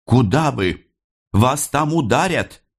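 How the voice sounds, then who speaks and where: A man's voice: very high-pitched, fairly even intonation, extremely slow, voice pushed up, full character voice. A man voicing a frightened older mother, anxious and protective, calling out in urgent, pleading tones.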